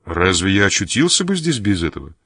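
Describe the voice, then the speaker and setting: A man reading the part of a young nobleman who talks to his sister in a gentle, reassuring way. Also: sits low, very animated, fairly quick, husky, no room sound, studio quality, full character voice. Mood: cheerful. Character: young nobleman, caring and lightly joking brother.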